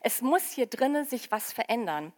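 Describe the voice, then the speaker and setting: A woman preaching a sermon to her congregation in a lively, conversational way, with casual asides. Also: fairly high pitch, moderate pace.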